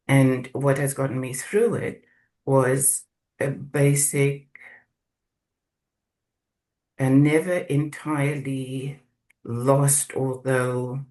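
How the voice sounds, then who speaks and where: Slow, halting man sharing reflectively. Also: mid-range voice, darkish tone, low-quality recording. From South Africa. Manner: slow, halting, searching for words. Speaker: course participant. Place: video call.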